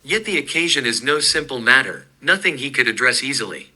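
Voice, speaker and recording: Bright-toned male story narrator. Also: mid-range voice, sing-song, fairly quick, poor audio. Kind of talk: scripted narration.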